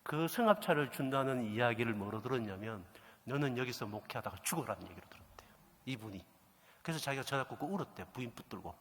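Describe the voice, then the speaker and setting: A middle-aged man preaching a sermon, telling a story and acting out the dialogue with lively energy. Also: mid-range voice, quick pace. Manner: animated storytelling, acts out quoted dialogue. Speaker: pastor. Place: church sanctuary. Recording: echoey church hall reverb.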